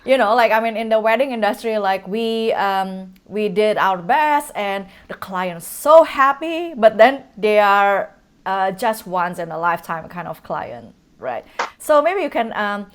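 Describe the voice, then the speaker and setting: Woman host, effusive and eager, mid-pitched everyday voice. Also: expressive, a little slow. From Indonesia. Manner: effusive, enthusiastic, hesitant phrasing. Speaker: podcast host. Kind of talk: casual interview conversation.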